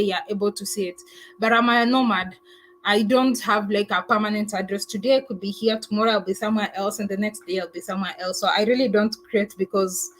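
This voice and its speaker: A woman's voice: medium pitch, a bit bright, a little hiss or hum, poor audio. A woman travel vlogger chatting casually on a livestream, thanking viewers and answering their comments. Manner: chatty, thankful, laughs often, many fillers.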